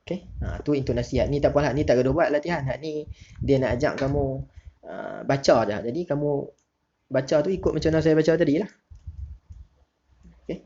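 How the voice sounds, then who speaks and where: Man teaching slowly, dull lo-fi sound. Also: medium pitch, slight background noise. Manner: slow, deliberate reading of questions, relaxed asides to pupils. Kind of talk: recorded class lesson. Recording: dull lo-fi recording.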